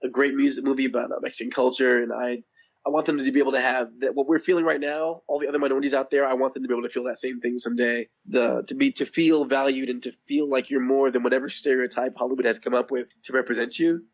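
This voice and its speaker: A man guest in a casual interview, hoarse with his voice going out, talking in a rambling, enthusiastic way. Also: medium pitch, level tone, quick pace. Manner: rambling, enthusiastic, laughs often. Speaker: podcast guest. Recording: dull lo-fi audio.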